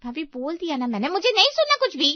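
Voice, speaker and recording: A shrill, sulky young bride in a cartoon story, played by a woman, her high voice snapping into petulant complaints. The sound is dry and dull, like a lo-fi studio take. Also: expressive, a little fast, dry recording. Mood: sulky, angry. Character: sulky young bride, quick-tempered and tearful.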